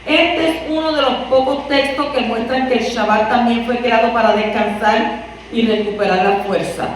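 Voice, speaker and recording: Her voice is fairly high, her intonation fairly even, and her speed normal. She is a Puerto Rican woman with a matching accent, preaching conversationally and asking listeners rhetorical questions. Faint noise and the echo of a room, recorded at a distance, color the audio.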